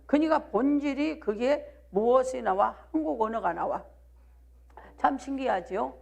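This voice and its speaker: A woman's voice: high voice, lively intonation, normal speed, gravelly, darkish tone. A woman pastor from South Jeolla with a Jeolla accent, preaching a live midweek sermon and pressing the congregation with rhetorical questions and calls of "do you believe?". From South Jeolla, Korea.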